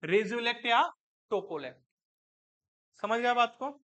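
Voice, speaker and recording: High-voiced, bright male lecturer. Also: moderate pace. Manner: asks students questions and answers them himself; mixes English terms into Hindi. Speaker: teacher. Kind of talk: classroom lecture.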